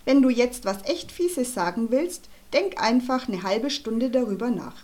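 A woman voicing a cheeky, sharp-tongued little schoolgirl who teases cheerfully and mockingly, in a storybook reading. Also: a little high, animated, a little slow. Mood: teasing.

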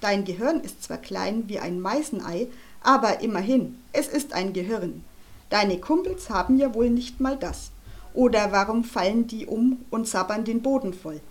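A woman voicing a cheeky, sharp-tongued little schoolgirl who teases cheerfully and mockingly, in a storybook reading. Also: mid-range voice, moderate pace, close to an everyday voice. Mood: teasing.

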